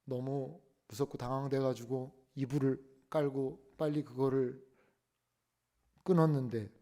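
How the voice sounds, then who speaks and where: A male pastor preaching a sermon, telling a story that swings between hushed tones and loud outbursts. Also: mid-range voice, steady tone, measured pace. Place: church sanctuary.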